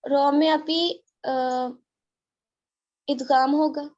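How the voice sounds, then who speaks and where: A woman student echoes her teacher's recitation in a high, level voice, very slowly and carefully. When questioned she hesitates before answering. The audio sounds dull, like a lo-fi online call. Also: fairly even intonation, darkish tone. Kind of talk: repeating recitation after teacher.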